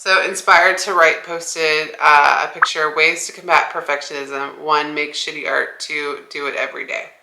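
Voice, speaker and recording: A woman's voice: deep voice, pushed and bright, roomy sound. A young woman talking casually to her camera in a vlog, rambling with many "like" fillers. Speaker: vlogger. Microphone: small 360 camera.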